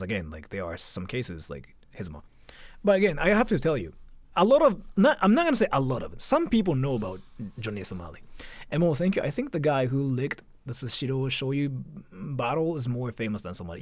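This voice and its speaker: On a livestream with no room sound, a medium-pitched man talks in a relaxed, slangy way. He comments on things and answers his viewers, often asking them questions.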